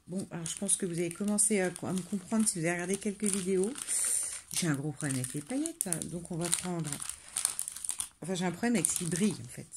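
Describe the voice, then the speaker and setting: A woman's voice: on the low side, slight background noise. A woman from France chatting through a card-making tutorial, rambling and self-deprecating, with lots of fillers. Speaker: crafting tutorial host. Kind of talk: casual talk-through while making a card.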